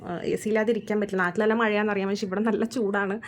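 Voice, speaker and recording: A woman's voice: mid-range voice, little pitch movement, very fast. A young woman from Kerala, a mother, chatting casually in a home vlog from her bedroom and often adding little "you know" tags. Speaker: vlogger and mother of a baby. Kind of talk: casual daily-life vlog. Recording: clear room ambience noise behind.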